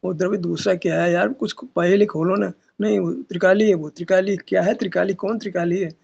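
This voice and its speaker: A man's voice: high-pitched, steady tone, brisk, vocal fry, a little mellow, breathy edge. A man teaching at a meditation session, arguing his point with rhetorical questions and casual asides. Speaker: spiritual teacher. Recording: dull lo-fi recording.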